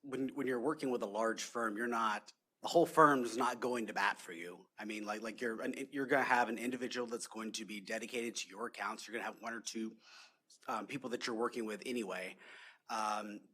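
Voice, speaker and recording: A man's voice: on the low side, fairly even intonation, brisk, bright, forceful tone, husky. A man speaking as a lobbyist in a council meeting, answering questions politely with many fillers and "yes, sir". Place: city council chamber.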